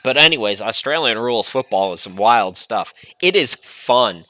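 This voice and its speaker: A man calls a basketball game play by play. His voice is bright and forceful, at a middle pitch, and sounds dry and close to the mic. He drifts into chatty side stories between quick calls of the action. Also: no room sound. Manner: chatty, rambling asides between excited calls. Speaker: play-by-play announcer.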